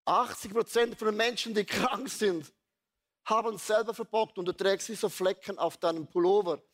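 High-voiced preacher. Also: male voice, normal speed. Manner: lively storytelling, blunt and earthy. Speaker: pastor. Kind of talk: sermon.

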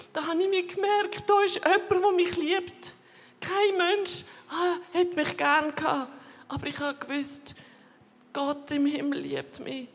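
A woman with a Swiss German accent gives an emotional personal testimony, her voice high and clear. She speaks in halting, broken phrases and repeats words as she searches for them. Her voice rings out with the long reverb of a big church hall. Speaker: church member giving a testimony.

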